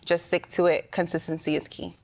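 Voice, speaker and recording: Low-pitched woman with some vocal fry. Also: level tone, brisk, a little mellow. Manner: conversational, explains practical advice. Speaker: esthetician, interview guest. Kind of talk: explanatory interview talk.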